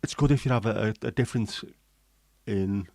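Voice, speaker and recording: A man from England hosts a livestream, rambling casually through live comments with many ums and restarts. His creaky, darkish voice sits on the low side at a moderate pace, captured in a dry recording.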